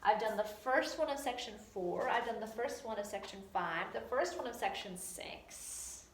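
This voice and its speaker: Playful high-voiced woman teacher. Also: moderate pace. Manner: playful, chatty, bursts into silly catchphrases. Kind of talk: recorded homework lesson. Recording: echoey room.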